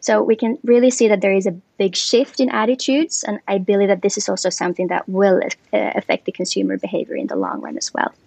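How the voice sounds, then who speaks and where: A woman from Finland, a guest on a podcast, explaining her work with frequent pauses and fillers. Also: medium pitch, steady tone, vocal fry, darkish tone, breathy edge, no echo. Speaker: guest, commercial lead. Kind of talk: podcast interview.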